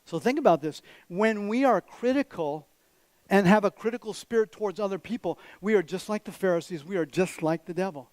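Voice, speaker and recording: A man's voice: high-pitched, a little fast, a little mellow, no room sound. A man preaching a sermon as a pastor, direct and conversational, with teasing asides to the congregation. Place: church.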